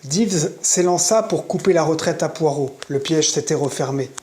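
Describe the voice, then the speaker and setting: A reader narrating a novel in an audiobook with steady, measured storytelling. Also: mid-range voice. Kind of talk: scripted narration.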